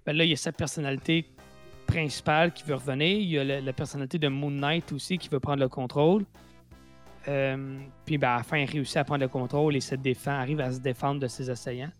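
A man's voice: medium pitch, fairly even intonation, fast, faint music behind. A man with a Québécois accent hosting a casual chat, rambling and repeating his words as he reviews a series. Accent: Quebec French. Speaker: podcast host.

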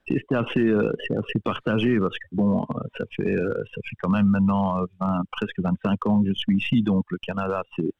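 A man's voice: sits low, flat delivery, a little fast, gravelly, few pauses, no room sound. A man from Belgium, a guest soccer coach in a casual radio interview, talking hesitantly with many repeated words and fillers. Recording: tinny phone line.

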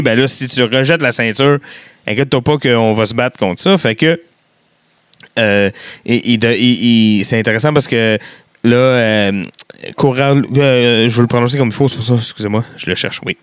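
A man's voice: medium pitch, smooth, no room sound. A man with a Québécois accent hosting a casual radio show about wrestling, rambling with many fillers and restarts. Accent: Québécois French. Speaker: podcast host.

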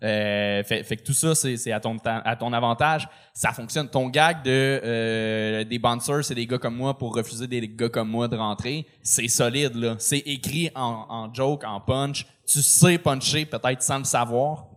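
A man with a Quebec French accent giving loose, slangy, halting feedback to a comedian as host. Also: mid-range voice, a bit bright.

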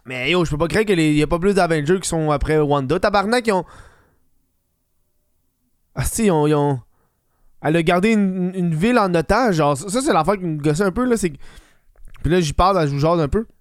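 A man's voice: fairly high pitch, brisk, pauses often, smooth, no echo, clean studio sound. A man with a Quebec French accent hosting a solo podcast in casual, slangy chat, swearing freely and dropping English slang into his French.

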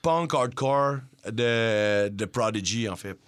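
A man's voice: mid-range voice, slow pace, fairly bright tone, smooth. A young man with a Québécois accent, co-hosting a podcast in casual, slangy talk about albums. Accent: Québécois French. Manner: rambling, slangy, enthusiastic. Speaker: podcast co-host. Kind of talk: casual chat about music.

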